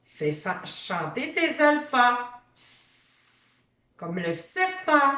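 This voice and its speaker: A woman leads a children's reading lesson, slow and encouraging as she sounds out each letter. Her voice swoops lively up and down and sits a little high. She sounds set back from the mic in a roomy, echoey space. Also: far from the mic. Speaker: teacher.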